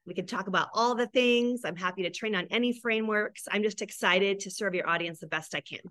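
A woman's voice: medium pitch, fairly quick, no room sound. A woman in her thirties or forties, a guest on a podcast, talking in an enthusiastic, heartfelt way about building her business as a mom. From Arizona, USA. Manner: warm, emotional, tearful while telling her story; enthusiastic, upbeat. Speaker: guest, business coach for moms. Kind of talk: casual podcast interview.

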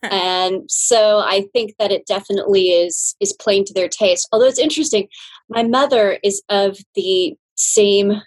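A woman's voice: mid-range voice, poor audio. A woman filmmaker being interviewed, talking casually in a wry, thoughtful way. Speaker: filmmaker guest.

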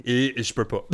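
A man with a Quebec French accent hosting a casual podcast chat, playful and quick to laugh. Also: mid-range voice, bright, forceful tone. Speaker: podcast host.

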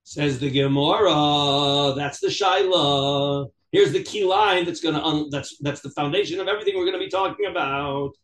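A man teaches a Talmud class as a rabbi, reading aloud and explaining in an animated, questioning way. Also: a little high, normal speed, hardly any pauses, roomy sound. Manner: animated, questioning, acts out examples in dialogue. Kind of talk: interactive text lesson, reading aloud and explaining.

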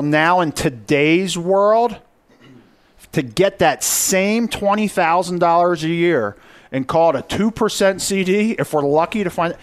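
A man with a slightly higher voice, co-hosting a financial radio show. He walks through numbers in a steady, explanatory way.

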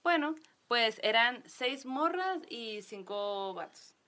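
Mexican woman, co-host, bright voice, lively and slangy as she retells a story. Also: a little high. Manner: lively, slangy, quick asides. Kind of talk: casual storytelling.

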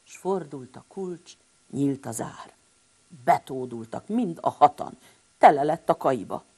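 Husky woman reading a lively bedtime story. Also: deep voice. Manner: animated, addresses the children directly.

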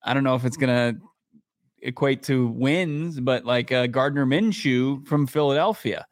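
A man's voice: mid-range voice, moderate pace, no room sound. A man co-hosting a sports podcast, chatting casually and thinking aloud with frequent restarts. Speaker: podcast co-host.

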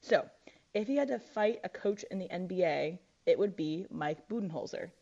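A woman's voice: lowish voice, animated, moderate pace, creaky, a little mellow, a little hiss or hum. Distant lo-fi woman on a remote line. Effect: thin, distant remote-line voice she calls ethereal. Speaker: show regular calling in remotely. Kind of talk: casual sports radio banter. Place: home kitchen. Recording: dull lo-fi remote feed.

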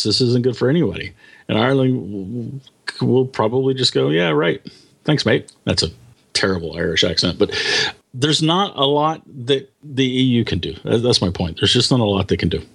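A man's voice: on the low side, vocal fry, a bit bright, breathy edge. A man talking as a podcast guest, explaining his views at length with many fillers and restarts. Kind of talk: casual interview chat.

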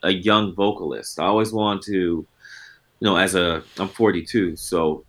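At a moderate pace, a man in his forties with a low-pitched, slightly bright voice chats as a guest musician in an interview. He's relaxed and thoughtful, frequently circling back on his ideas.

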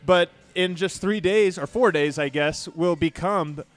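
A man's voice: high voice, unhurried. A man hosting a casual sports podcast, with an upbeat, announcer-like way of introducing things. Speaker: podcast host. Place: bar under construction.

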